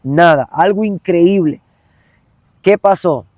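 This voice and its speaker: A man's voice: sits high, slow, a little mellow, no echo. A man giving an emotional personal testimony as an evangelist guest, earnest and repetitive, speaking straight to the listener.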